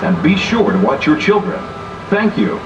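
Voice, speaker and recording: A man giving a recorded safety announcement in clear, polite instructions, played over an outdoor tram loudspeaker. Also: sits high, very animated, moderate pace, distant mic, lo-fi sound, noisy background. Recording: echoey loudspeaker from afar, loud music.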